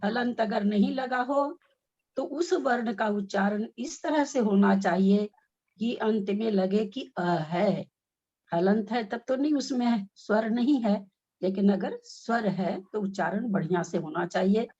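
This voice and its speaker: A woman's voice: mid-range voice, a little slow, warm tone, breathy edge. A woman teaching a class on a video call, coaching the group through careful, syllable-by-syllable recitation. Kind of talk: online recitation lesson. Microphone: phone on a video call. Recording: dull lo-fi video call audio.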